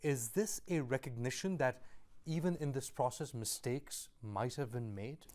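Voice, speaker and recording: A man hosting a formal news interview, putting his questions in a deliberate, emphatic way. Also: medium pitch, darkish tone. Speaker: interviewer and host.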